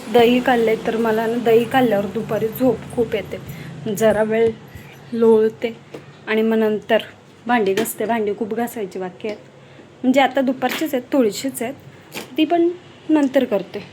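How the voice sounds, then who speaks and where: Young woman, high voice, casual vlogger, chatty and teasing, faint background noise. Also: steady tone, moderate pace, warm tone. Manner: chatty, teasing, bargain-proud. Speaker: vlogger, homemaker. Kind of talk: casual home vlog narration.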